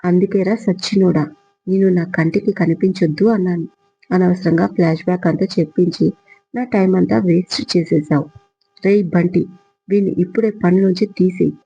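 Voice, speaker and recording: A man's voice: sits high, fairly even intonation, brisk, creaky, mellow, slightly rough, dry recording, highs cut off, heavily acted. A man putting on a spirited young woman, Lucky. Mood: furious.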